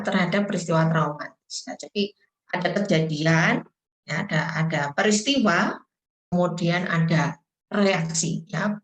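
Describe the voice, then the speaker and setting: A woman with a slightly low voice gives an explanatory webinar talk. She keeps checking in with her listeners and pauses on fillers while she searches for words. Her voice carries the echo of a hollow-sounding room. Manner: explanatory, frequent tag questions and fillers. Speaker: webinar speaker on trauma. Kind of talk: lecture. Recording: echoey room.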